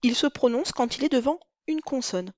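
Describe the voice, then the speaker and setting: A woman teaching a lesson on counting the syllables of verse, with a clear, deliberate delivery. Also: high-pitched, animated, a little mellow, no room sound, muffled recording. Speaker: French teacher. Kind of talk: recorded lesson.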